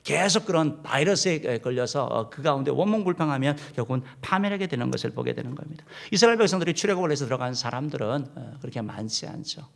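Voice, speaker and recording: A man's voice: medium pitch, animated, fast, gravelly, few pauses. A man, a senior pastor, preaching a sermon and speaking directly to his congregation, now and then leading them in reading aloud. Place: church sanctuary.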